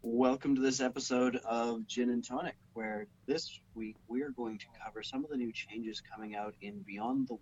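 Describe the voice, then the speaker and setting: Relaxed man hosting a lo-fi podcast. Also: medium pitch, slight background noise. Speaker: podcast host. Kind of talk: casual podcast chat about tabletop games.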